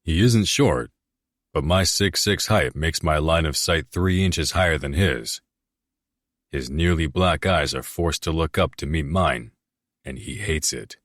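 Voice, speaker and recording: A man narrating a romance audiobook in the first person, in a steady, measured reading. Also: very deep voice, dry recording, studio quality.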